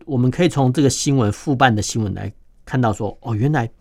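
A man, a defense journalist explaining military matters as an interview guest, filling his phrases with drawn-out "oh" and "ha" sounds. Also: medium pitch, dry recording, studio quality. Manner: peppers phrases with drawn-out "oh" and "ha" particles.

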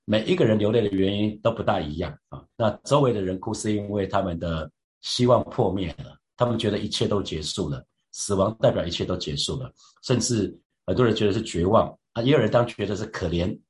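Low-voiced man giving a reflective devotional. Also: fairly quick. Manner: reflective, asks listeners rhetorical questions, frequent soft fillers. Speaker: church leader sharing a devotional. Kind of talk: devotional Bible teaching.

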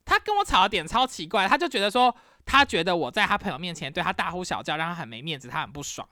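Young woman, Taiwanese Mandarin accent, podcast storytelling, bright tone, dry close sound. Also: on the low side, fast, no echo. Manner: animated, acts out scenes dramatically. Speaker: podcast host. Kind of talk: casual storytelling.

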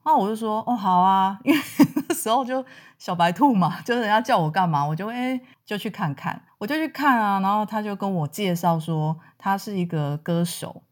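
A woman from Taiwan, telling a personal story in a casual, animated way, laughing often and acting out what people said. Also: mid-range voice, a little fast. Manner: animated, laughs often, acts out quoted dialogue.

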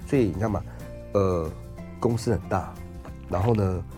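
A man with a Taiwanese Mandarin accent, a guest explaining investing in a radio interview, talking rapidly with many fillers. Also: deep voice, mellow, soft background music.

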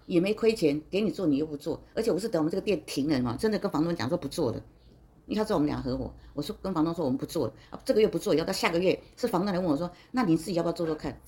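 A woman's voice: fairly low pitch, animated, rapid-fire, warm tone. A woman in her sixties in a casual interview, telling a long story in a talkative, indignant way, quoting what people said and often restarting her sentences. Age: 60s.

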